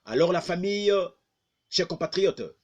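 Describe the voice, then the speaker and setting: A man's voice: high voice, expressive, normal speed, darkish tone, lo-fi sound. A man from the Congo with a Congolese French accent, addressing viewers as a blogger and stressing his points by repeating them. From Republic of the Congo. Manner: emphatic, repeating phrases for stress.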